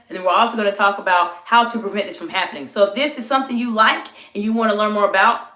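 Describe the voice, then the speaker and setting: A middle-aged executive coach is live-streaming to viewers and their chat while feeling under the weather, so her voice sits lower than usual. She warmly greets viewers and keeps a coaching tone, and the room sounds echoey.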